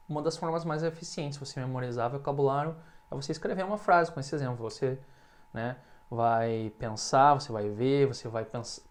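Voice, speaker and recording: Brazilian male English teacher, patient explainer, speaks example sentences slow and clear. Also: mid-range voice. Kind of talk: language lesson.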